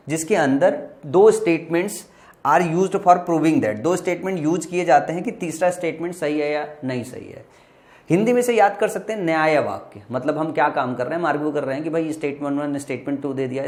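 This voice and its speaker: A man with an Indian accent teaches vocabulary for exam prep in a slightly high voice. He quizzes his listeners with questions he answers himself. He breaks hard words into parts and spells them out slowly, letter by letter.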